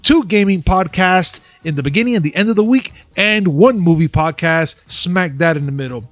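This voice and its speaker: A man's voice: high voice, expressive, normal speed, dry recording, faint music behind. A man co-hosting a gaming podcast, joking and boasting and swearing freely in casual banter. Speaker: podcast co-host.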